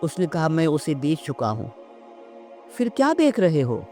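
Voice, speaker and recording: A man's voice: on the high side, sing-song, dark tone, faint music behind. A man giving a devotional storytelling speech, acting out the dialogue and reciting poetic couplets. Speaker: religious speaker.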